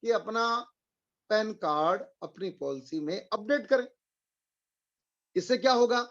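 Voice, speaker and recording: Male motivational speaker, high voice, rhetorical and repetitive, webinar audio a bit muffled. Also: expressive, a little slow, fairly bright tone. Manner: rhetorical questions, repeats phrases for emphasis. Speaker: motivational speaker for insurance agents.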